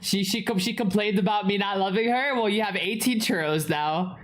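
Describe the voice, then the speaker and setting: A woman's voice: medium pitch, moderate pace. A young woman casually telling a long, rambling story. She swears often and repeats her phrases.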